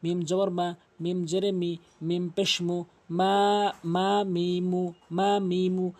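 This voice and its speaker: Guy teaching quran reading, high voice, slow repetitive drills. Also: monotone, dark tone. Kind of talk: drilling Arabic letter sounds.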